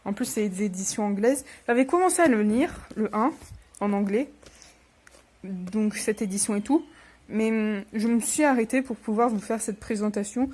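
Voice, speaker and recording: A woman's voice: mid-range voice, normal speed, a little mellow. A young woman, a little under the weather, chatting casually and rambling as she unboxes books for her vlog, with self-deprecating asides. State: a little sick. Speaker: book unboxing vlogger. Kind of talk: casual chat.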